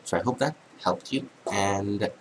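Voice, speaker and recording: Man, deep voice, hoarse and congested, software tutorial voice-over, halting with ums, faint background hum. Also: rough recording. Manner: casual, halting, many ums. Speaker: tutorial narrator. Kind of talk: screen-recorded software tutorial.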